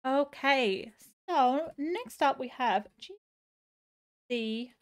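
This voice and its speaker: Woman, high voice, live streamer, casual chat, gushing, slightly hoarse. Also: expressive, very slow. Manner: gushing, chatty, reads chat aloud. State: voice going a little hoarse.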